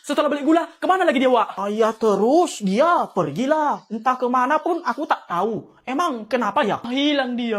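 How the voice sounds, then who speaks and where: A woman doing shouty comic village voices. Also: high-pitched. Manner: exaggerated, shouty comic delivery. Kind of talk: comic sketch with many voices.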